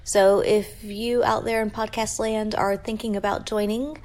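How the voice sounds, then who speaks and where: A woman's voice: medium pitch, little pitch movement, a little slow, a little mellow. Woman podcaster in a big echoey room. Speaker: podcast host. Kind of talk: casual chat. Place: big cavernous indoor room.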